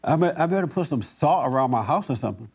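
A gravelly, darkish mid-range voice with a breathy edge belongs to a man who talks fast and expressively. He leads a group as host of an informal preaching discussion with questions from the audience. His speech is plainspoken and folksy, grammar loose.

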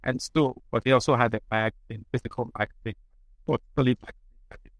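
A man, a podcast guest who speaks in a halting, thoughtful way with many restarts. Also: mid-range voice, fairly even intonation, no room sound, poor audio. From Nigeria. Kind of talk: casual interview.

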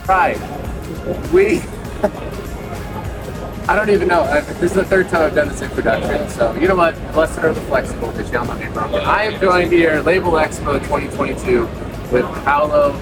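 A man hosting an interview in a chatty, rambling way, heard as a low quality stream. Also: moderate pace. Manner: chatty, rambling, self-deprecating. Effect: low quality stream, muffled and distant. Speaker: host, interviewer. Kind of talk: casual interview. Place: trade show floor. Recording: distant lo-fi audio with loud music.

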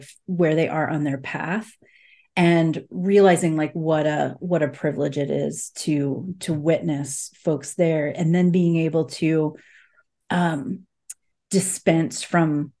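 A woman's voice: low voice, mellow. A woman hosting a casual podcast conversation, searching for words with lots of "like" and asking open, curious questions. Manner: searching, halting, full of "like". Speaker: podcast host.

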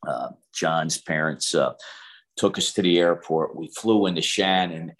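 Low-voiced man telling stories. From United States. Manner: rambling, many fillers and restarts. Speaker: basketball shooting coach, guest. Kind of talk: casual storytelling interview.

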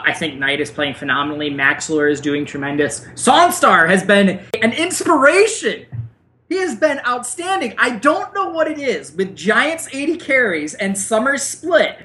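A man co-hosting a casual podcast with a bright, sharp-edged tone. He breaks down his picks with enthusiasm and blunt opinions. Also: on the high side. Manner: enthusiastic, blunt, swears when worked up. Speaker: podcast co-host.

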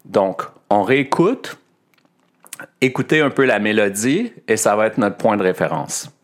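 A man's voice: lowish voice, animated, a little slow. A man hosting a French pronunciation lesson podcast, explaining patiently and repeating words to demonstrate their sounds. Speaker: French teacher and podcast host.

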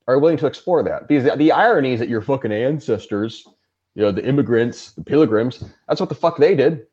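A man's voice: mid-range voice, animated, fast, darkish tone. A man who is a podcast guest, talking in a casual conversation and ranting emphatically with a lot of swearing. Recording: dull lo-fi sound.

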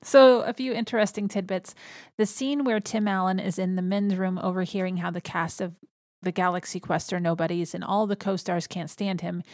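A woman's voice: mid-range voice, a little mellow, no echo. Chatty woman podcast host, enthusiastic, mid-range voice, dry recording. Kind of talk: casual chat.

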